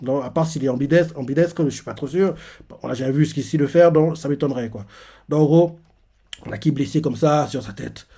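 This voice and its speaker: A man's voice: on the high side, fairly quick, mellow, breathy edge. Rambling young man's manga reaction. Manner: rambling, full of fillers and "en gros". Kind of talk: casual reaction commentary.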